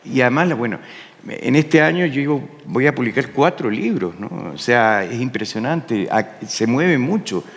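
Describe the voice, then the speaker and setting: A man's voice: mid-range voice, animated, moderate pace. A Chilean poet speaking on a panel in a musing way, often adding "¿no?" to check in with his listeners. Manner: reflective, musing, with frequent rhetorical "¿no?". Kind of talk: panel talk. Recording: long hall reverb.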